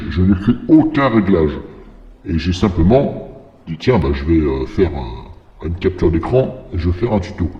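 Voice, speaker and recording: A man presenting a casual software tutorial in a rambling way, his voice processed by a demon voice-changer filter. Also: lowish voice. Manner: rambling, informal explanations. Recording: muffled, reverberant processed screen recording.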